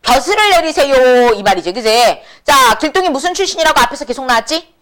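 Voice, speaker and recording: Brisk woman lecturing on classic prose. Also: high voice, sing-song, a bit bright. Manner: brisk, colloquial, answers her own questions. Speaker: Korean literature teacher. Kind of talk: lecture with call-and-response questions.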